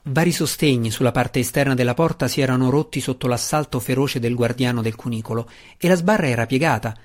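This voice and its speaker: A man reading a fantasy novel aloud as an audiobook narrator, in a steady, measured way. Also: medium pitch.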